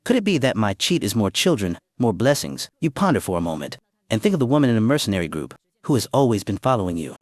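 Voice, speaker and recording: A man narrating a story recap in the second person, with brisk, animated storytelling, recorded close and dry. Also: fairly low pitch, no room sound.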